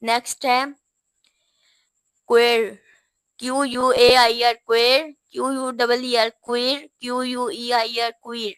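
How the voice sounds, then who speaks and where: A woman with a Pakistani Urdu accent teaching English spelling, spelling words out slowly letter by letter. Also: fairly high pitch, flat delivery, a bit bright, clear, resonant tone, no echo. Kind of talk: spelling lesson.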